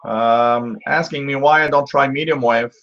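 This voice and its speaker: Halting man chatting on a lo-fi stream. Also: medium pitch, fairly even intonation, a bit bright. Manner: halting, explanatory. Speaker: shortwave radio hobbyist hosting a live stream. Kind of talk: casual live commentary, answering viewers. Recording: slightly dull, lo-fi stream audio.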